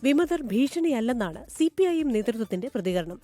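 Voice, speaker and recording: A woman reporter reads a scripted news report in a measured, formal voice. Her tone is mellow and sits a little high. Faint music plays underneath. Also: sing-song.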